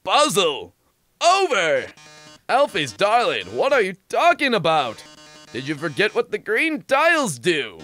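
A man voicing a flamboyant, gloating villain robot from a video game, with melodramatic, drawn-out delivery. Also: high voice, huge pitch swings, sharp tone, faint music behind, heavily acted. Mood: theatrical threat.

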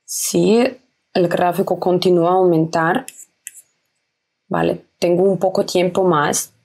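Her voice is on the low side, darkish and husky with vocal fry, little pitch movement, and a slightly slow pace. The young woman runs a casual trading tutorial recorded from her screen at home, webcam in the corner. She explains each step plainly, repeating and correcting herself a bit.

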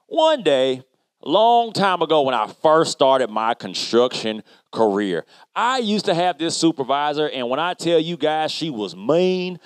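A man playing an upbeat construction worker who tells a Bible story to children in an animated, chatty way. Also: fairly high pitch, no echo. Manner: animated, chatty, addresses kids directly. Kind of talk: kids' Bible lesson storytelling.

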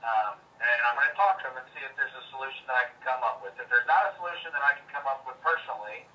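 A man's voice: medium pitch, fast. Man on speakerphone, re-recorded from the room. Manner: apologetic, placating, stammers on restarts. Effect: phone call on speaker, re-recorded from the room. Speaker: mortgage lending executive. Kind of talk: phone call with a customer. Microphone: phone speaker picked up by another recorder. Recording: muffled distant speakerphone with faint hiss.

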